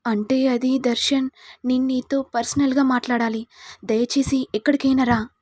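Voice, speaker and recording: Woman reading a scheming young woman, pleading and self-pitying, slightly high, husky, dry sound. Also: little pitch movement, normal speed, a little mellow, no echo.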